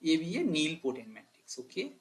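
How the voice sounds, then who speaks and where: A man's voice: fairly high pitch, very animated, moderate pace. A man teaching a math lesson, talking straight to his students, checking in with them often and correcting himself as he thinks aloud. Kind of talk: exam problem walkthrough lesson.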